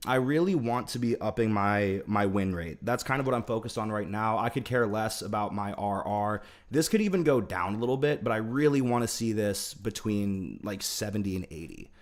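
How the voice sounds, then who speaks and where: A young trading livestreamer chats casually with his audience, greeting viewers by name and thinking aloud with lots of fillers. His lowish voice is expressive and moderately paced, though the teeth whitening strips he's wearing make his speech sound a bit off.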